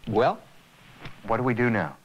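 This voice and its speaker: In a 1980s training film, the lead character speaks earnestly and reflectively about what he has learned. His mid-range voice moves at a normal pace with lively intonation, though the audio sounds dull.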